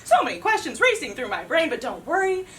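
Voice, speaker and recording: A young woman doing a stand-up comedy monologue, profane and sarcastic, with an animated delivery. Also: sits high, fast. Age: young adult. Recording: distant mic with loud room noise.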